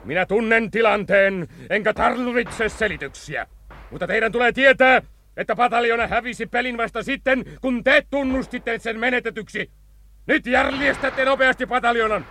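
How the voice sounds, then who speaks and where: A harsh, ruthless lieutenant colonel tears into his officers in a radio play. His voice sits very high and cuts sharp and bright. Orders come out as furious barked shouts. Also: a little hiss or hum. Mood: cold scolding. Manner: barking, furious shouted commands.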